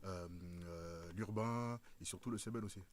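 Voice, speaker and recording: A man's voice: on the low side, normal speed, a loud crowd. A man, a music producer, explaining his work in an interview, hesitant and searching for his words. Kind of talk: conversational interview.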